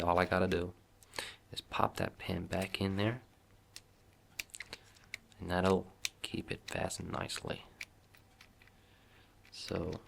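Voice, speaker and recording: A man doing a softly spoken ASMR role-play as a watch shop salesman, with reassuring customer-service patter in a low, gravelly voice. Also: background noise.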